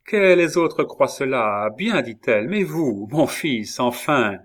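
A man's voice: animated, slow pace. A man playing a scornful old queen mother. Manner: cutting, falls into high sharp exclamations. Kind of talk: dramatized audiobook reading.

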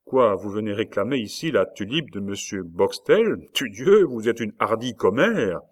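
A man's voice: fairly low pitch, very animated, moderate pace. Brief: man doing a small pompous older official, exclaiming, audiobook reading.

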